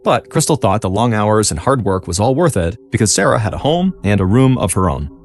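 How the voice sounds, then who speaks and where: A man's voice: fairly low pitch, brisk. A man narrating a true-crime story as a podcast host, in a dramatic storytelling manner. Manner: dramatic storytelling, lively intonation. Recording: faint music behind.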